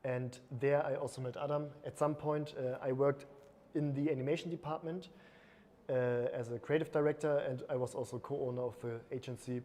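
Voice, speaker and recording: A man's voice: mid-range voice, fairly even intonation, brisk, warm tone, a little hiss or hum. A man who is a creative director and agency co-owner, speaking on a panel in a casual way, full of fillers like "like" and "uh". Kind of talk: panel talk. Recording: long hall reverb.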